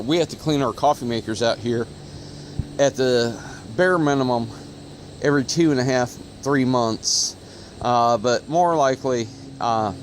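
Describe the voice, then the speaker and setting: Recorded on a phone outside in bright sunlight, a man from Ohio, USA, who hosts auto parts videos, chats casually to the camera in a medium-pitched voice. His talk wanders, packed with fillers and self-corrections, over a slight hiss or hum.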